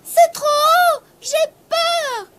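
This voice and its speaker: A woman voicing a frightened little male kitten who pleads in a high, tearful voice while reading a storybook aloud. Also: fairly even intonation, measured pace, sharp tone, slight background noise, full character voice. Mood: scared.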